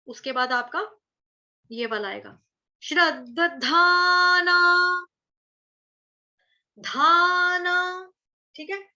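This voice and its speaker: A woman teaching Sanskrit verse pronunciation, sounding out syllables slowly and asking and answering her own questions. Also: sits high, bright, forceful tone. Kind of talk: pronunciation lesson, slow syllable-by-syllable chanting. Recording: dull lo-fi recording.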